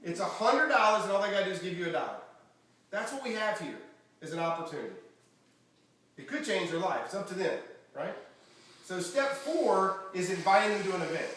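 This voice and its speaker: A man giving an energetic motivational seminar talk as a network marketing trainer, quizzing the audience with questions. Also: sits high, a little fast, long pauses. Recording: echoey room from far off, faint background noise.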